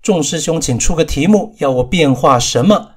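A man's voice: on the high side, lively intonation, moderate pace, husky. A man voicing a clever, eager male monkey disciple in an audiobook, pleading and boastful by turns.

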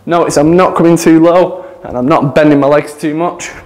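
A man's voice: fairly high pitch, fairly even intonation, normal speed, a little mellow. A man, out of breath, demonstrating gym exercises as a chatty fitness coach who laughs at himself. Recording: echoey gym with long reverb.

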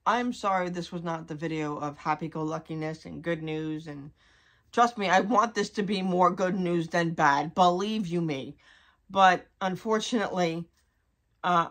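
Young woman vlogging, trying not to cry, keeps restarting, lowish voice. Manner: talks through held-back tears, halting restarts. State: on the verge of crying. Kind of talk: candid personal vlog.

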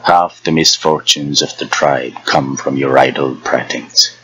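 A haughty young chief's niece ordering people away with scorn, as a male reader voices her. The voice stays the reader's own, extremely deep, slow and husky with a bright edge, recorded close and dry. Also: steady tone, dry recording, heavily acted, poor audio. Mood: scornful. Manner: scornful, commanding.

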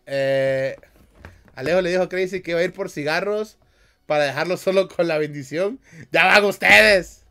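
A young Honduran streamer livestreams from a small bedroom, casually reading out comments with jokes, slang and plenty of laughter. His voice sits high, his tone is sharp, and he keeps a moderate pace. He talks into a headset with a desk mic.

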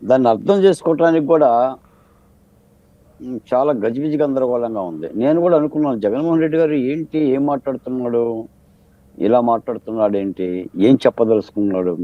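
A man's voice: mid-range voice, fairly quick, long pauses, dry recording. A man holds forth as a political analyst on a studio debate panel, firing off rhetorical questions to drive his argument home. His voice sits in a middle register. The sound is close and dry with a slightly muffled, lo-fi edge.

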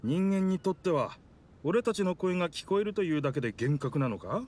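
A man's voice: fairly high pitch, expressive, very fast, darkish tone. A man voicing a hearty, boastful male sea creature in a video game who offers to ferry the heroes. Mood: jovial. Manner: boastful, jovial.

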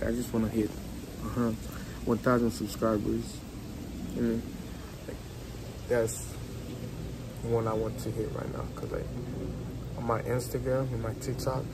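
A young adult man with a strong Haitian accent and a lowish voice films himself on a phone at arm's length on a patio beside a house wall. The YouTuber rambles casually, repeating himself, leaning on fillers and laughing, while background noise comes through the phone recording.

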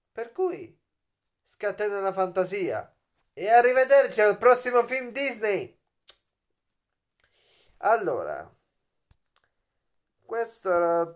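Lying on a bed in a small bedroom with his phone at arm's length, a young man hosts a playful, theatrical explainer aimed at children. His voice is fairly high, and he drags out words and keeps asking questions.

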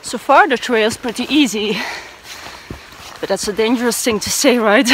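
Holding the camera at arm's length on a mountain trail, a young hiking vlogger narrates casually in a fairly high, fairly bright voice. She takes her time, chats cheerfully and laughs between remarks while the outdoor wind rustles across the mic.

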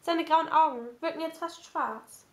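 A woman reading a novel aloud in steady, measured narration. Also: sits high. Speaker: audiobook reader.

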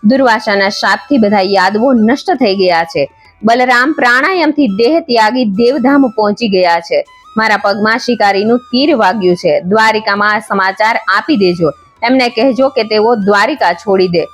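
A woman narrator voicing a calm divine male god who speaks in a gentle, reassuring, serene way. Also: medium pitch, moderate pace, soft background music, natural voice.

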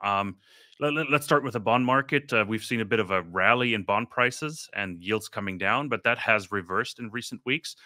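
A middle-aged man hosts a finance interview in a bright, sharp voice, recorded close and dry. He is chatty, stumbling over restarts as he sets up his questions. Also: fairly low pitch, normal speed, no echo. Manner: chatty, stumbling restarts, laughs at own remarks. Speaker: podcast host.

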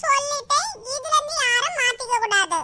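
A woman voicing squabbling little kids in a cartoon, bossy and shrill as they shout out the count. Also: animated, brisk. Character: squabbling little village kids playing hide-and-seek. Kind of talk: cartoon voice acting.

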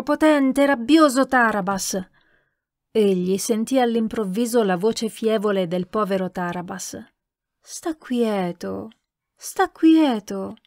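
A woman narrating a novel in a measured, expressive audiobook reading. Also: mid-range voice, no echo, studio quality. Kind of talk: scripted narration.

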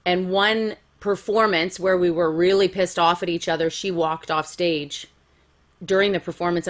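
A woman's voice: mid-range voice, a bit bright. Frank, self-mocking woman comedian. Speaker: comedian guest. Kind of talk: candid conversational storytelling.

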